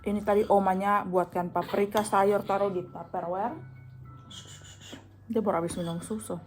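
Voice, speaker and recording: A woman's voice: mid-range voice, fairly even intonation, normal speed, a little hiss or hum. A woman, vlogging casually at home and cooing to her baby between remarks to viewers. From Indonesia. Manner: chatty, coos softly to her baby, sometimes drops to a hush.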